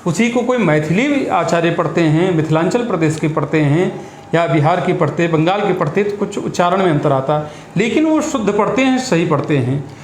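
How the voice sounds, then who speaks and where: A man speaks in a measured, instructive manner, explaining ritual practice and slipping in Sanskrit terms. His voice sits a little high. The room is echoey, with faint noise behind him. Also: expressive. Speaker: astrologer and priest guest.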